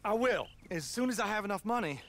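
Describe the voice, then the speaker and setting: A man's voice: sits high, animated, quick pace, fairly bright tone, slight background noise. An actor playing an anxious, rambling young man from a rich family in a video game. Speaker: game character.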